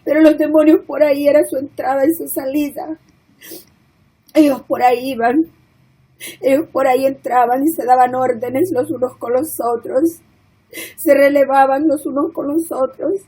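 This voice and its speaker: A woman's voice: sits high, fairly even intonation, moderate pace, warm tone, poor audio. A woman telling a spoken religious testimony in an earnest, emotional way, tearful at times. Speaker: woman giving a church testimony.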